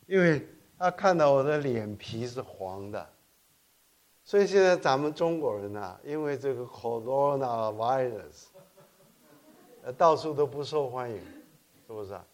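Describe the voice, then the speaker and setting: An older man, raised in Korea, preaching an animated sermon full of stories, often correcting himself and dropping English words. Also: mid-range voice, unhurried. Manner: animated storytelling with frequent self-corrections and code-switching to English. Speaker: pastor.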